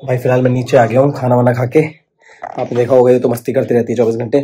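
A man's voice: medium pitch, little pitch movement, quick pace, warm tone, slight background noise. A man chatting casually to the camera in a home vlog, sharing tips and calling his viewers brother. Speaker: vlogger. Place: at home, indoors.

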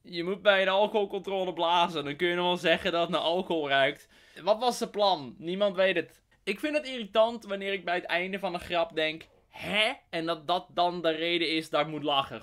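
Bright-voiced sarcastic young man. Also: sits high, normal speed. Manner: sarcastic, exasperated. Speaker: YouTube reaction host. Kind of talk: casual reaction commentary.

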